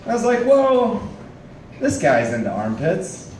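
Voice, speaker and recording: A man's voice: high-pitched, huge pitch swings, a little slow, darkish tone, reverberant, recorded from a distance, slight background noise, poor audio. A man in his twenties doing a casual stand-up comedy set, rambling with lots of fillers. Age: 20s. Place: comedy club stage, audience laughing.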